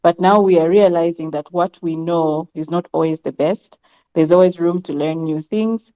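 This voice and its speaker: A woman from Zambia speaking as a panelist in an online discussion, measured and thoughtful with frequent ums. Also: lowish voice, dark tone. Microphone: video call. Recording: muffled lo-fi video call audio.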